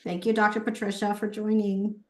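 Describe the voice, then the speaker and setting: A woman presents at a webinar, giving an explanatory lecture step by step, posing rhetorical questions and briefly acknowledging participants. Her mid-range voice is flat and somewhat dark, at a moderate pace, in a roomy, echoey recording.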